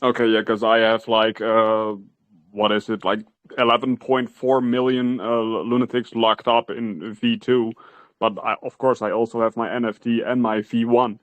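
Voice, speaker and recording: A man's voice: medium pitch, flat delivery, normal speed, fairly bright tone, no echo. A man in a casual online voice chat, asking for help in an easygoing way and often repeating words as he starts. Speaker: community member asking for help.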